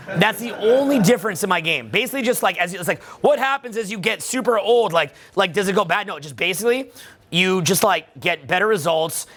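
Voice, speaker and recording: High-voiced man coaching with swearing. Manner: emphatic, profane, animated. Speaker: dating coach. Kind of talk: voice-over coaching commentary.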